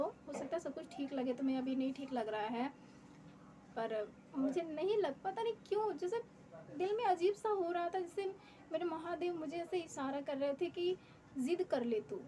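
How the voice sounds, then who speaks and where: A woman's voice: sits high, dark tone. A young woman vlogger telling a personal story in a candid, rueful way, half-laughing at times. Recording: noisy room ambience.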